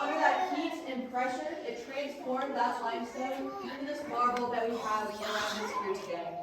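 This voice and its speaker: A woman guiding a tour group through a cave, explaining in a friendly way with plenty of fillers, her voice ringing in the cave's echo. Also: a little hiss or hum. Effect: booming cave echo around her voice. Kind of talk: guided tour talk to a group. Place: inside a large limestone cave. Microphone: visitor's camera some distance away. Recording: echoey cave from far off.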